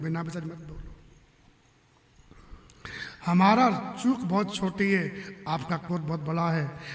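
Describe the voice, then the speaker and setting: High, bright-voiced man preaching in echoey hall. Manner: shifts between soft explanation and loud dramatic declamation. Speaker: religious storyteller. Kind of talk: devotional sermon with sung verses.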